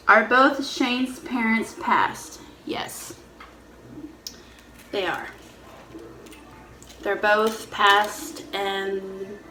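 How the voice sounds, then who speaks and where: Bright-voiced woman chatting in an echoey room. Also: mid-range voice. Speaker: host of a couple's Q&A mukbang video. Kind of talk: casual chat, answering questions. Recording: roomy echo, faint background noise.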